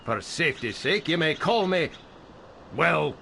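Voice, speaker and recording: A fawning, nervous go-between flatters the hero with ornate, courtly phrases. His voice is bright and rather high, bouncing around in pitch. Faint noise sits beneath the game audio. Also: unhurried, gravelly, full character voice. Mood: ingratiating. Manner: flowery, obsequious, stammering when flustered. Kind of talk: video game cutscene acting.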